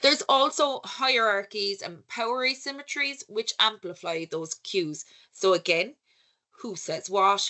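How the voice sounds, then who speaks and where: A woman's voice: mid-range voice, sharp tone. A woman with an Irish accent giving a conversational conference talk, asking rhetorical questions and correcting herself as she goes. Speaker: workshop speaker.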